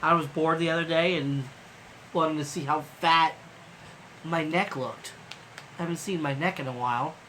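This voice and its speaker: A man's voice: mid-range voice, sharp tone, slight background noise, rough recording. A man hosting a casual live stream as a trucker, rambling loosely with lots of fillers and casual swearing, sleepy and yawning.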